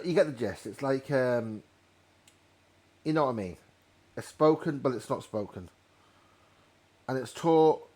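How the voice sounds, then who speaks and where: A man's voice: medium pitch, darkish tone. A man giving casual commentary while playing a train simulator, rambling and correcting himself as he goes. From North Wales. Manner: rambling, self-correcting storyteller.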